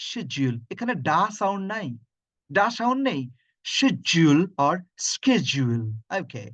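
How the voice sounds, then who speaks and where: In an online pronunciation lesson recorded over a video call, a middle-aged phonetics lecturer with a Bangladeshi accent speaks in a high, fairly bright voice with no room sound. He drills words slowly and repeatedly, breaking them down sound by sound.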